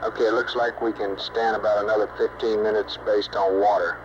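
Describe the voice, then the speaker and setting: Low, even-toned man on noisy radio loop. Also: fairly quick. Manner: businesslike, clipped questions. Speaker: mission flight director. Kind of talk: astronaut radio loop coordination. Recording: noisy, dull 1960s mission radio loop.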